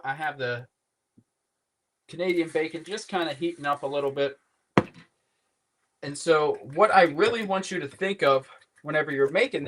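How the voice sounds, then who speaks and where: A man's voice: on the high side, a bit bright. A man with a Pittsburgh accent hosting a casual live cooking demo from his home kitchen, rambling loosely and swearing offhand. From Pittsburgh area. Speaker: cooking livestream host.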